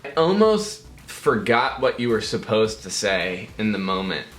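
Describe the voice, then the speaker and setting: Young man, guest fiancé, lowish voice, forceful bright tone, joking manner. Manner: relaxed, joking, a bit halting. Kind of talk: casual chat. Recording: roomy echo.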